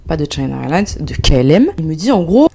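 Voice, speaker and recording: A young woman from France telling a travel story as a vlog, replaying her own panic in a high voice. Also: big pitch swings, fast, vocal fry, dark tone, slightly rough. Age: young adult. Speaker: vlogger.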